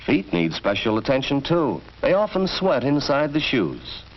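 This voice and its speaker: Reading a script for a 1940s educational film, this American man tells the story in an instructive tone, his medium-pitched voice swinging widely in pitch at a moderate pace. The old film audio is dull, with a faint hiss.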